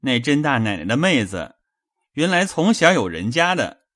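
A woman voicing a frightened young male servant who pleads and hurries through his confession in a lowered voice. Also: big pitch swings, moderate pace, exaggerated voice. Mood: cowering, pleading.

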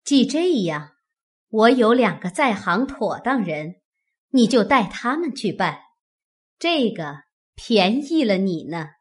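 A man reading an audiobook, voicing a shrewd, sharp-tongued young noblewoman who talks quick and cutting. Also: high-pitched, sing-song, slightly rough, pitched above the performer's own voice, exaggerated voice. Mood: teasing. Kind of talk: audiobook character voice.

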